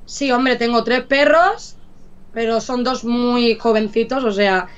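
A woman's voice: fairly high pitch, takes it slowly, clean tone. A young woman from Madrid, with a slight Andalusian touch to her speech, chats casually as a guest streamer on a video call from her home. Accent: Madrid Spanish with an Andalusian touch. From Madrid, Spain. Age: young adult. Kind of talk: casual interview chat. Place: home room with pets. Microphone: video call, webcam mic. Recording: dull lo-fi video call audio.

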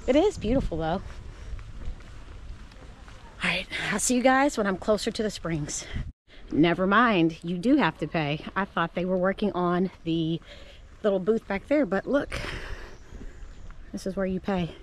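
With lively intonation and a measured pace full of pauses, a middle-aged woman addresses her vlog audience from park trails by a spring. Her mid-range voice comes through a handheld camera at arm's length, with a little hiss or hum.

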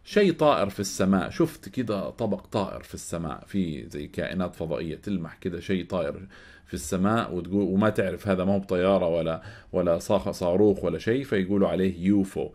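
A man's voice: sits low, expressive, quick pace, darkish tone. A man explaining an English workbook lesson, spelling words out letter by letter and repeating each phrase. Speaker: English teacher.

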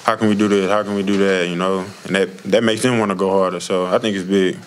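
A man in his early twenties, a college football player, gives plain-spoken, modest answers at a press conference in an indoor room, speaking into a tabletop microphone. His voice is low and smooth with little pitch movement, and he talks fast. The press room is noisy.

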